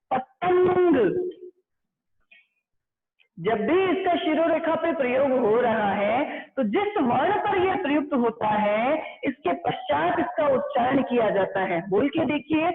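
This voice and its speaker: A woman teacher giving an online grammar lesson, explaining slowly and repeating key points to her students. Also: high-pitched. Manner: slow, repeating explanations, addressing students as beta. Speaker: school teacher. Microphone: blackboard class recorded. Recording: tinny phone-like sound with crowd noise.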